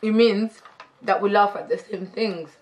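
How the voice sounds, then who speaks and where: Sitting on a living room couch indoors, a twenty-something YouTube host does a casual sister tag chat, playful and teasing, occasionally whispering quietly. Her voice is medium-pitched, fairly even, and unhurried.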